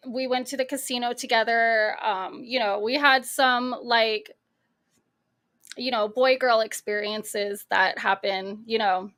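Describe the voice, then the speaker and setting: High bright-voiced woman hosting a live stream. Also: steady tone, a little slow. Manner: chatty, greets chat names one by one, laughs easily. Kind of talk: casual live stream chat.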